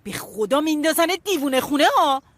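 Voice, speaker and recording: An actress voicing a middle-aged mother who scolds and warns her headstrong daughter, hushing her sharply. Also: high-pitched, animated, no room sound. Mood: scolding. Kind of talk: TV drama dub.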